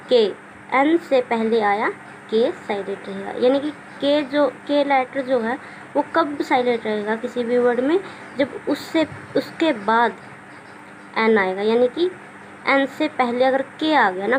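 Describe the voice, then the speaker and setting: Woman teacher, fairly high voice, patient and repetitive, slight background hiss. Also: poor audio. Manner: patient, repetitive, asks and answers own questions. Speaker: English teacher. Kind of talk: classroom-style explanation.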